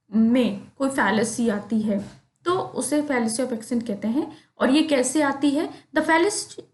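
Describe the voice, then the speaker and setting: A woman teaching philosophy, reading definitions slowly and explaining them more quickly in casual asides. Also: sits high, echoey room. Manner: slow, deliberate reading of English definitions, quicker Hindi explanations. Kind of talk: explanatory lecture mixing Hindi and English.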